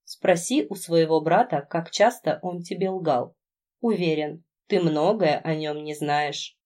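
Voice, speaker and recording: Audiobook husband, young man, low and measured, read by a woman. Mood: pleading. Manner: steady, measured, restrained. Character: calm composed husband, young adult man.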